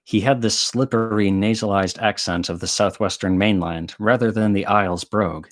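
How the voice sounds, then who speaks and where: A man reading his own story aloud on a live stream, relaxed, with chatty asides and self-corrections. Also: lowish voice, moderate pace.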